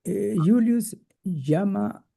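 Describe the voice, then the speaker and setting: Hesitant male student, gravelly and dark. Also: high-pitched, very slow. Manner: hesitant, many "eh" and "ok" fillers. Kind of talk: reading and translating in class.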